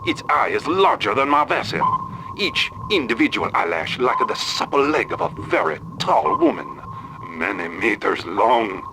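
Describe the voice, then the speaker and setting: A man doing a pompous French deep-sea explorer. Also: huge pitch swings, creaky, background noise. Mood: awestruck. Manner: grandiose, slow dramatic narration. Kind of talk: comedy radio sketch.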